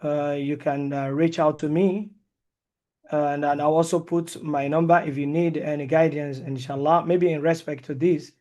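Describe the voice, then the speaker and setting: A Sharia teacher whose first language isn't English gives an online lecture with live Q&A in a high, somewhat mellow voice with fairly even intonation. He speaks haltingly, with many "uh" and "um" fillers, and mixes in Arabic and Islamic terms.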